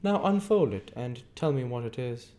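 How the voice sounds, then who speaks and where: The stern middle-aged lawyer this man reads is a know-better storybook figure, questioning as if in cross-examination, clipped and emphatic. His voice rides well above the reader's, loud and insistent over a mellow dark tone, yet sounds natural, at medium pitch, animated and moderately paced. He's lecturing.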